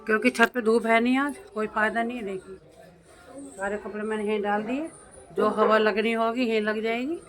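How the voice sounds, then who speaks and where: A woman's voice: fairly high pitch, fairly even intonation, normal speed, some chatter behind. A middle-aged woman chatting casually to her viewers in a home vlog. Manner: chatty, talks straight to viewers. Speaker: vlogger. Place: home indoors.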